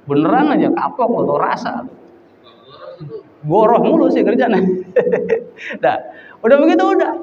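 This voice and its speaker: A man with a Betawi accent giving a casual, jokey sermon, telling a folksy story with loud acted cries. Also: extremely high pitch, big pitch swings, a little slow, long pauses, a little hiss or hum. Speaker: preacher. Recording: roomy hall from far off, dull sound.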